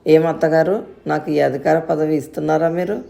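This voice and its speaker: A woman's voice: low-pitched, steady tone, fairly quick, creaky, dark tone. A woman voicing a kind, wealthy woman friend in a storybook reading, generous and insistent.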